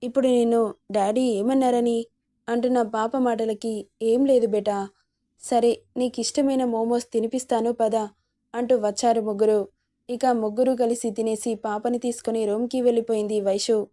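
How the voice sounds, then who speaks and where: A woman's voice: on the high side, fairly even intonation, moderate pace, mellow. A woman reading a romantic family story aloud, voicing every character in her own narrating voice.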